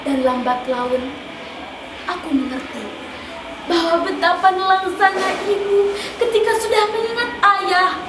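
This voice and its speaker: A woman performing a theatrical monologue as an anguished, fatherless daughter, a sorrowful tragic heroine speaking in declamatory phrases with dramatic pauses. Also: very high-pitched. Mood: mournful. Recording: distant, echoey, clearly noisy room recording.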